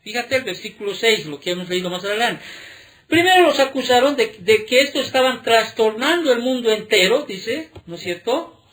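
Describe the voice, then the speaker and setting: A male pastor preaching a sermon, throwing rhetorical questions at the congregation and checking in with "¿sí?", stressing key words slowly. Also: very high-pitched, expressive, fairly bright tone. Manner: emphatic, drawn-out key words.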